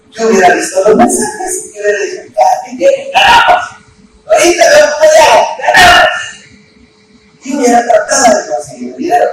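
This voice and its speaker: Male preacher, very high and lively, bursts into shouts, far off in an echoey church with room noise. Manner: animated, shouting at emotional peaks. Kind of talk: sermon with storytelling.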